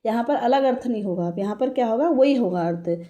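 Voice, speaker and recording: A woman teaches a grammar lesson to a class. Her voice sits a little high but stays mellow and soft-edged. She keeps asking the class questions and answering them herself, and reads verse lines slowly. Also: animated, dull audio. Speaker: Hindi teacher.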